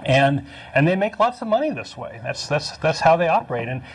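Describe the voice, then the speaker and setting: Husky man who stumbles over words. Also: fairly high pitch, big pitch swings, fairly quick, low-quality recording. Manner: repeats words, restarts often. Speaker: co-host. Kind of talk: casual studio talk.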